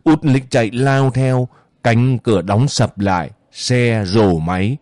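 A man narrating an audiobook story in a steady, measured way. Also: medium pitch, no echo, studio quality.

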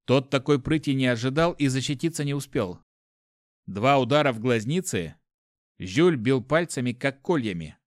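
A man reading a first-person adventure story aloud in a steady storytelling voice. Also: mid-range voice, normal speed, no room sound, clean studio sound. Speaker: audiobook narrator. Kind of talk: first-person fiction narration.

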